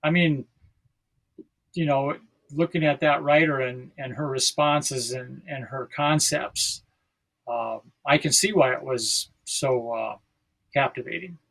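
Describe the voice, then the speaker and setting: This American man in his sixties, from South Dakota, speaks slowly at a medium pitch with a creaky, fairly bright tone on a rough recording. He's a podcast guest talking casually and reflectively, often searching for his words.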